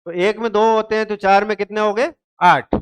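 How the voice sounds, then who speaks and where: A man's voice: high voice, fairly even intonation, normal speed, clean tone. A man teaching an exam-prep literature lesson, who asks his students questions and then answers them himself, repeating the key terms.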